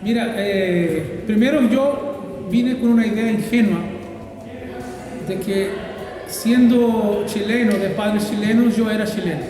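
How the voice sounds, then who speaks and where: A pastor who grew up in Brazil, answering interview questions in a thoughtful, hesitant way with many fillers. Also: male voice, high-pitched, slow pace, heavy reverb, in a large hall, recorded from a distance, over music, poor audio.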